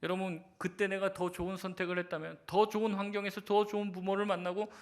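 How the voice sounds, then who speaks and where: A man's voice: high-pitched, little pitch movement, quick pace. A male pastor giving a sermon in a conversational way, asking rhetorical questions and acting out quoted voices.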